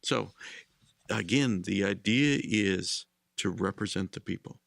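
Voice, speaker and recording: Man, gravelly, low, bright edge, dry close sound, measured explaining. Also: no echo. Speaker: co-host. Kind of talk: casual discussion.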